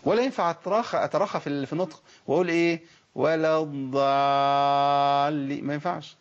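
Fast-talking Egyptian sheikh teaching recitation. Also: male voice, fairly high pitch, breathy edge, lo-fi sound. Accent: Egyptian Arabic. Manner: lively, demonstrates recited words slowly and stretched. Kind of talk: Egyptian colloquial lesson on letter pronunciation.

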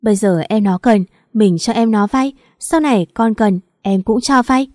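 A nagging, sharp-tongued old mother-in-law, as a woman puts her on in a storybook reading, scolding loudly. Her voice is mellow and dry, close to the mic. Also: a little high, normal speed, dry recording, close to an everyday voice. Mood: preachy. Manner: scolding, sarcastic, loud.

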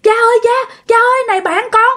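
A woman's voice: sits high, very animated, quick pace, fairly bright tone, full character voice. A woman voicing a terrified young mother seized by ghosts, pleading and frantic. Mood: shrieking.

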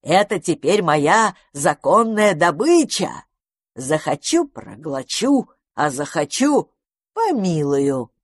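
A woman voicing a cheeky, greedy female magpie who taunts in a sly, drawn-out way. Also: low voice, big pitch swings, dry recording, clean studio sound, exaggerated voice. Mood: mocking.

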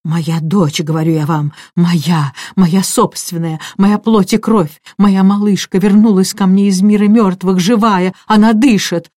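A woman reading a hoarse, ruthless grieving mother. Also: fairly low pitch, steady tone, moderate pace, hardly any pauses, dark tone, no room sound, studio quality, natural voice. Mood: frenzied. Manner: hoarse, fierce and possessive.

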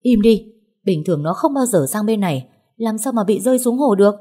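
A woman reading a story voices a furious young mother who hurls shrill accusations. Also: lively intonation, brisk, warm tone, slightly rough. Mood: enraged.

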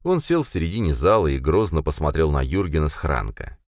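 A man with a very deep voice reads a fantasy novel aloud in measured, even scripted narration. The recording is dry and close, with no room sound. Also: no room sound. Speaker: audiobook narrator.

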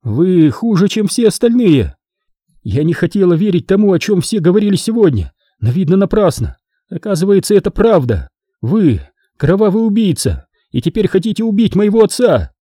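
A shrill, accusing young woman as a male narrator puts her on in a storybook. The voice is pitched up high and husky. It sounds dry and close. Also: very animated, a little slow, warm tone, no room sound, heavily acted. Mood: angry. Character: furious young woman, mafia boss's daughter.

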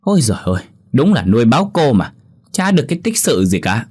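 A man voicing a spiteful young village wife, shouting shrill abuse at her family. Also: sing-song, quick pace, husky. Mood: scolding.

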